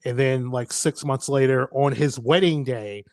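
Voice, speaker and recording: A man's voice: mid-range voice, unhurried, a little mellow, dry recording. Rambling, swearing man. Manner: rambling, swears freely, laughs often. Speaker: podcast host. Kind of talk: casual podcast chat.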